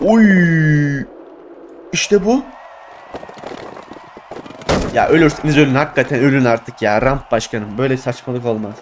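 A young man giving excitable let's play commentary, exclaiming and groaning at his failures. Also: medium pitch, moderate pace, a little hiss or hum. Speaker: gaming YouTuber.

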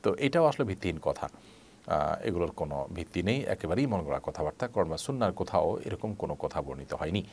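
Deep-voiced Bangladeshi man answering religious questions. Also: lively intonation, a little mellow, husky. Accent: Bangladeshi Bengali. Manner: measured, frequent "ah" fillers, reads names then answers. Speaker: Islamic scholar answering viewer questions. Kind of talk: live Q&A, reading questions and answering.

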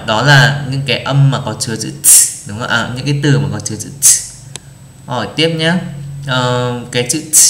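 A man teaching English pronunciation, reading drill words slowly and deliberately and explaining each sound. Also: medium pitch, a bit bright, roomy sound. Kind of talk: pronunciation lesson, slow model reading.

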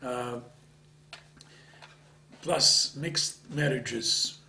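Older Macedonian-accented man, halting and gravelly. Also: medium pitch, pushed and bright. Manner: halting, searching for words, earnest. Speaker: interviewee, author of dictionaries. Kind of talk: reflective oral history interview. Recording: faint hum and background noise.

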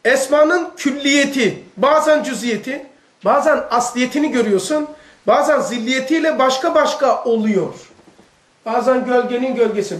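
A man with a Turkish accent giving a spiritual lesson to a gathering, talking conversationally and turning to his listeners with direct questions. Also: very high-pitched. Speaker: religious teacher. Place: room with a gathered audience. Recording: echoey room.

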